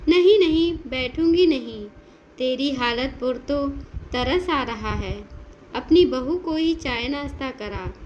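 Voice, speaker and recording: A woman voicing a meddling, sharp-tongued older neighbor aunt who scolds and taunts in a storybook tale. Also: sits high, lively intonation, takes it slowly, muffled recording, a little hiss or hum. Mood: scolding.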